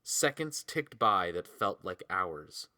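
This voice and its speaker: Male audiobook narrator, low and bright-toned, measured delivery, dry close studio sound. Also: very animated, dry recording.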